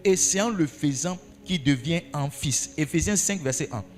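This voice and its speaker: Lively-voiced preaching pastor. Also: male voice, a little high, normal speed, long reverb tail, faint music behind. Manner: preaching with rhetorical questions to the congregation; repeats key phrases for emphasis. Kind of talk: sermon.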